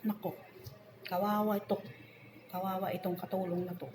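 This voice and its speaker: A woman's voice: medium pitch, flat delivery, moderate pace, roomy sound, background noise. A middle-aged woman working as a domestic helper, telling an aggrieved story about a coworker in a venting monologue.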